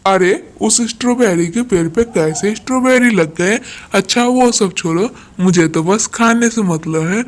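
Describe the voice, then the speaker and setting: A woman's voice: medium pitch, unhurried, hardly any pauses, close to an everyday voice. A woman voicing a rude, greedy male crow in a cartoon story, talking back with insolence. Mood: cocky. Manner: insolent, then pleading loudly when beaten. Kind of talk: cartoon voice acting.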